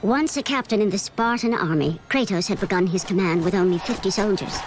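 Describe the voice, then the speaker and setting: A woman's voice: mid-range voice, fairly quick, a little hiss or hum, lightly acted. A woman playing a grave, all-knowing narrator of ancient myth in a dramatic, scripted video game narration.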